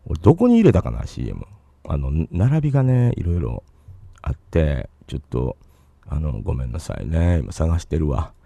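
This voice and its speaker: A man's voice: rumbling low, very animated, normal speed, creaky, mellow, dry recording. A man with a Kansai accent hosting a podcast, rambling chattily on his own with lots of fillers and asides. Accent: Kansai Japanese. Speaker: podcast host. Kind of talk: casual solo podcast talk.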